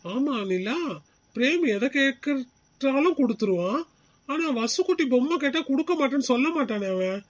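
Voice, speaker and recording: A man voicing a fair-minded father who calmly reasons and lectures his family. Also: very high-pitched, normal speed, no room sound, dull audio, pitched above the performer's own voice. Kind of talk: cartoon voice acting.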